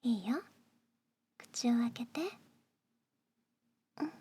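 A young woman in an ASMR roleplay, playing a doting young woman who pampers the listener, speaking in soft, breathy whispers close to the microphone. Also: a little high, takes it slowly, full character voice. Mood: sweet, doting.

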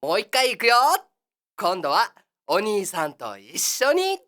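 A woman's voice: mid-range voice, very animated, a little slow, fairly bright tone. A woman playing the cheery big-brother host of a children's exercise show, talking in a sing-song, coaxing patter in a comic monologue.

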